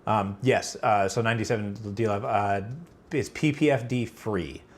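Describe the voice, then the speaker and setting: A man with a fairly low voice chats through a casual livestream, circling his points with fillers and restarts. He is battling allergies as he talks. A faint hum of room noise sits behind him. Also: moderate pace. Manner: rambling, filler-heavy, self-correcting. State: allergies, about to sneeze. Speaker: livestream host answering chat.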